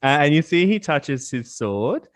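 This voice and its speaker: A man's voice: fairly high pitch, very animated, a little slow. A man narrating a tabletop game as game master in an easygoing way. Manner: easygoing, laughs often.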